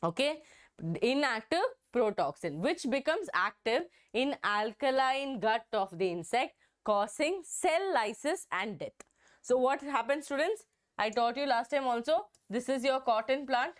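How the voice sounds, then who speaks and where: A young woman with a hoarse, strained voice from a throat infection, teaching an exam-prep biology lesson and repeating herself with frequent "okay"s. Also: high voice, animated, a little slow. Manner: repetitive, checks in with "okay".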